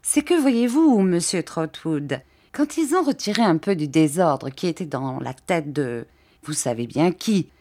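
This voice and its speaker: Reading an audiobook in a low voice, a woman plays a kindly, simple-minded older gentleman. He speaks in earnest, halting phrases, and her delivery is expressive and exaggerated.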